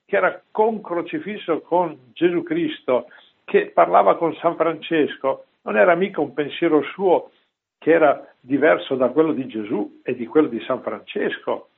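A man preaching and telling stories in a slow, emphatic way, turning often to his listeners with chatty asides. His voice is gravelly and rather husky, and it sits a little high for a man. It comes through a narrow, phone-like line. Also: animated. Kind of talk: religious talk with storytelling.

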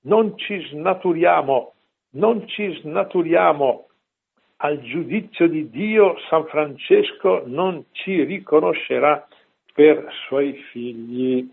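A stern old friar scolding his brothers in slow, raised, indignant words, as a man quotes him. The voice is gravelly and husky, and it comes over a thin, phone-like line. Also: a little high, animated, heavily acted. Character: stern elderly friar rebuking his order.

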